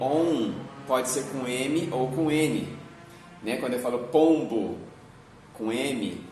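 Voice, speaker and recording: A man's voice: mid-range voice, darkish tone. A man with a Brazilian accent giving a video lesson as a Portuguese teacher, explaining patiently and often adding tag questions. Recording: very echoey room, voice from far off, faint noise.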